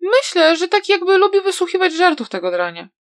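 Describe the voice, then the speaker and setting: A woman voicing a shy young girl in a storybook reading, with a high girlish voice. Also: sing-song, brisk, no room sound, studio quality. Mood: shy, admitting.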